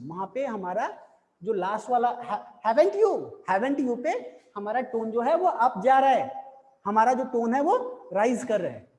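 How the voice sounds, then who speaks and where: High-voiced male teacher in an echoey room. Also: darkish tone. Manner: explains slowly and repeats example sentences. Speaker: school English teacher. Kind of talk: classroom lesson on intonation. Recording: echoey room with long reverb.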